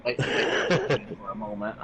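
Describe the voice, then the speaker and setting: A man's voice: fairly low pitch, unhurried. A man chatting casually as a player in an online tabletop roleplaying game. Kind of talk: casual chat. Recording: dull, noisy online voice chat.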